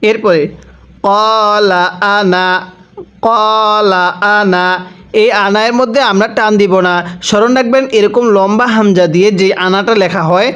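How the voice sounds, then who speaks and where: Male Quran tutor, high, slow delivery, spells out words and has viewers repeat after him. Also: fairly bright tone, smooth, lo-fi sound. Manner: slow, drawn-out syllable-by-syllable recitation with brief spoken explanations; addresses viewers directly, asks them to repeat after him. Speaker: Quran teacher. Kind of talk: spelling-out Quran recitation lesson.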